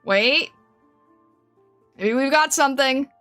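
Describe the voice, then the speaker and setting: A woman livestreaming casually while she draws, thinking aloud in a hesitant, rambling way with a bright, high voice. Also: slow, soft background music. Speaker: livestreaming artist.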